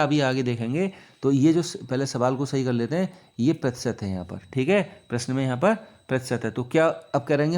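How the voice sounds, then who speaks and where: Man, maths teacher, patient step-by-step explaining, asks and answers himself, mid-pitched voice. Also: darkish tone. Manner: explains slowly, asks and answers his own questions.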